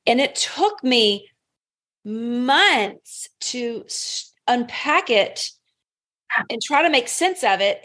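A woman's voice: a little high, a bit bright. A woman hosting her podcast, responding and sharing her own story in casual faith-based conversation with playful asides. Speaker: podcast host.

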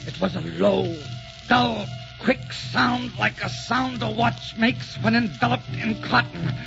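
An actor playing a tormented, delirious dying poet in a theatrical 1940s radio drama style, anguished and repeating words feverishly. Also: male voice, high voice, slow pace, creaky, full character voice. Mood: terrified, frantic. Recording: muffled 1940s radio recording, loud music.

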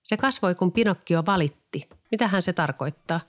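A man's voice: high voice, voice pushed up, natural voice. A man voicing a curious little girl who keeps asking questions. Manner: wondering, questioning.

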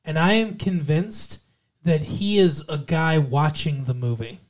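In this casual movie review chat, a male podcast co-host talks through a film's plot, rambling and restarting often. He speaks at an unhurried pace in a slightly high voice.

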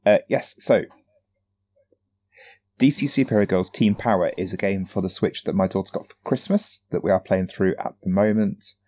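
Podcast co-host, male, deep voice, chatty and explanatory. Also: fairly even intonation, normal speed, mellow. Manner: chatty, explains games at length. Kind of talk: casual podcast chat.

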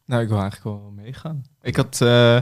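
A man on a podcast panel speaking in an ordinary mid-pitched voice. He lays out his choices calmly, one at a time, in a relaxed conversational tone. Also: brisk. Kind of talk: casual chat.

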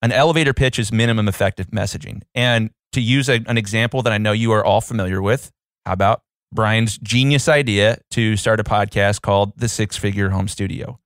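A man's voice: on the low side, a little fast, dry recording, clean studio sound. A man co-hosting a casual podcast, playful and fond of putting on silly voices. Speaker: podcast co-host.

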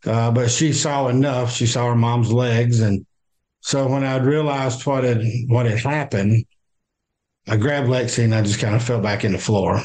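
Older Southern man, interview guest, speaks haltingly with fillers and restarts. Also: medium pitch, fairly even intonation, a little mellow. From American South. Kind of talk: interview, personal account.

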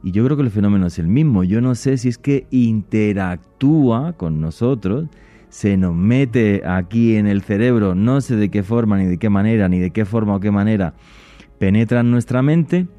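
A man's voice: on the low side, expressive, normal speed, mellow, no echo. A man hosting a paranormal talk show in a conversational, musing way, repeating phrases for emphasis. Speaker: show host. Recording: muffled lo-fi audio with music behind. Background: background music.

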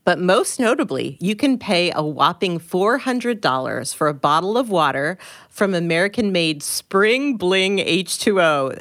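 An upbeat woman co-hosting a podcast, laughing often as she chats. Her intonation is lively and her voice sits in the middle of the range. The sound is dry and close to the mic. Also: fairly low pitch, a little slow, dry recording. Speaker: podcast co-host. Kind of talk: casual podcast chat.

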